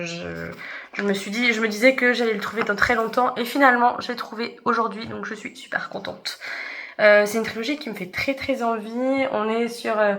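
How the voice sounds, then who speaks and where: A woman's voice: mid-range voice, fairly bright tone. A young woman chatting casually in a book vlog, hesitant with many fillers. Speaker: book vlogger.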